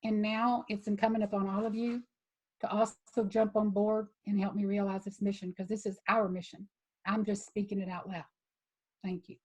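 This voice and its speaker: A woman speaks as a guest at a gathering, her voice at an ordinary middle pitch. She talks earnestly and with passion, urging her listeners to act. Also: little pitch movement, moderate pace, darkish tone, low-quality recording. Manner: earnest and impassioned. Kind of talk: heartfelt talk.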